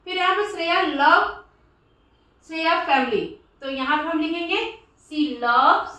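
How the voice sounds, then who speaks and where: A woman teaching English grammar, explaining patiently, repeating herself and slowing down to spell out example sentences as she writes them. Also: sits high, pushed and bright. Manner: patient, repeats points with frequent "ठीक है"; slows down to spell out example sentences while writing. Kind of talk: classroom-style explanation. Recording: very echoey room, distant mic.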